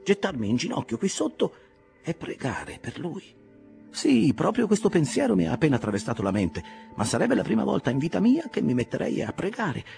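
A man voicing an excitable, hot-headed ship's mate who protests in loud, agitated bursts. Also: high-pitched, vocal fry, voice pushed up, exaggerated voice.

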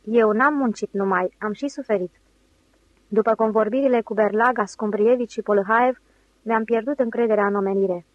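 A cocky male swindler with a glib, mocking way of talking, as a woman reading the story gives him voice. The voice sits fairly high and close, with no room around it. The sound is a touch muffled and dry. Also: no echo, lightly acted.

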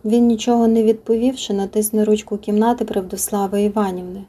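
Husky, dark-voiced woman reading a novel. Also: mid-range voice, level tone, quick pace. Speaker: audiobook narrator. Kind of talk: scripted narration of a novel.

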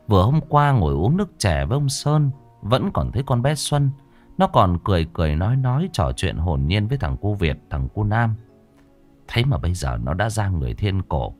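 A man reading a ghost story aloud in a dramatic, expressive style. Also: deep voice. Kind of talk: scripted horror story narration. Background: faint background music.

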